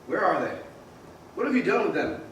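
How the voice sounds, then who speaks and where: A man's voice: a little high, sing-song, moderate pace, a bit bright. A man acting a frantic, bewildered family man in a stage radio play, agitated and pleading. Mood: desperate pleading. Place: live stage in a large echoing hall. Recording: echoey hall from far off, noisy.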